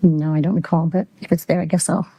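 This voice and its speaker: A woman's voice: deep voice, level tone, fast, mellow, husky, dry recording. A woman witness giving short, guarded answers under cross-examination, heard through a courtroom recording that is played back. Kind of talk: courtroom testimony.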